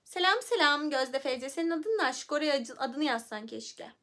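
A woman's voice: sits high, animated, moderate pace, a bit bright, slight background noise. A young woman hosting a casual livestream, chatting playfully with viewers and reading the chat aloud into her phone. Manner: playful, chatty, hums and sings nonsense syllables.

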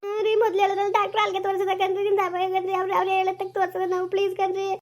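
A woman's voice: very high-pitched, monotone, rapid-fire. A woman playing a desperate young village mother who begs tearfully for her sick son in an amateur skit. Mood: pleading. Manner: pleading, tearful begging.

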